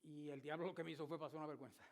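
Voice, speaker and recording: A man's voice: a little high, fairly even intonation, rapid-fire. A man in his sixties, a pastor preaching a sermon with vivid, emphatic storytelling. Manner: storytelling, emphatic, shouts at climaxes.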